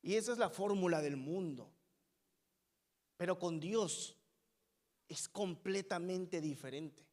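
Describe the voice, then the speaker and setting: A man preaching a sermon with a high, ringing voice that carries through a church sanctuary, its long reverb trailing each phrase. He is emphatic and keeps putting rhetorical questions to his congregation. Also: slow pace, a little mellow. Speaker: pastor.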